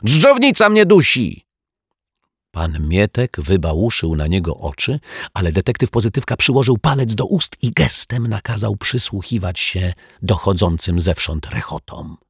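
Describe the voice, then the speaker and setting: A man narrating a children's audiobook in an expressive, measured storytelling manner. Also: sits low, creaky, breathy edge, no room sound, studio quality. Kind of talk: scripted narration.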